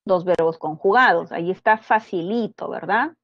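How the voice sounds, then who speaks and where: A woman teaching a pre-university grammar lesson, explaining step by step and tagging her points with quick check-in questions. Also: fairly low pitch, a bit bright, no echo, lo-fi sound. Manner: explanatory, constant tag questions. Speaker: language teacher.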